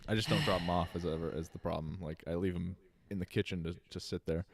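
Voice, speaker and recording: A man's voice: low voice, fairly even intonation, fast talker, vocal fry. A young man co-hosting a casual podcast, joking around, swearing a lot and playing up his lines. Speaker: podcast co-host. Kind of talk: casual chat.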